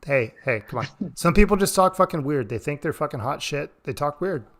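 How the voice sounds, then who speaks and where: A man's voice: fairly high pitch, animated, brisk, fairly bright tone. A man giving casual, rambling reaction commentary on a stream, swearing freely. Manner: rambling, profane, laid-back.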